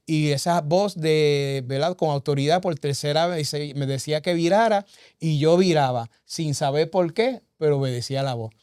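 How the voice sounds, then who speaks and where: A man's voice: on the high side, moderate pace, a little mellow, clean tone, no echo, studio quality. A man telling his personal testimony in an earnest, conversational way, with frequent small fillers. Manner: earnest, storytelling with many "verdad" and "eh" fillers. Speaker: guest giving testimony.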